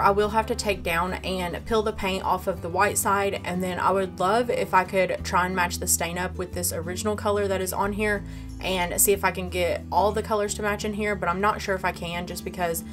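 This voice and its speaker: A woman vlogger, her voice on the low side, casually walks through her farmhouse renovation and explains her plans step by step. She films it on a handheld phone in an empty room.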